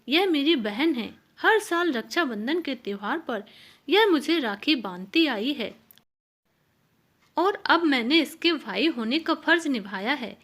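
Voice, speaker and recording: A woman voicing a god who protects a young wife in a folk tale, speaking calmly and reassuringly. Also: high voice, exaggerated voice.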